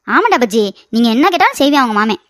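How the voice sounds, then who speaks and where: A woman voicing a bickering older mother-in-law in a cartoon comedy, scolding with quick sarcasm. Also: high voice, sing-song, fairly bright tone, no echo, studio quality.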